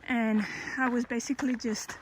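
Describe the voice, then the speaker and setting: A Colombian woman in her fifties, a hiker and vlogger, tells her life story casually while outdoors on a trail, speaking slowly and thoughtfully with pauses and self-corrections. Her voice is on the high side with a level tone and a Colombian Spanish accent, and the outdoor recording picks up background noise.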